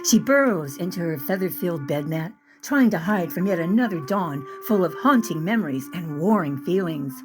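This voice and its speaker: A woman author reading excerpts from her own novel in a vivid, expressive storytelling manner. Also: lowish voice, moderate pace, hardly any pauses, over music. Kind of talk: dramatic audiobook-style reading.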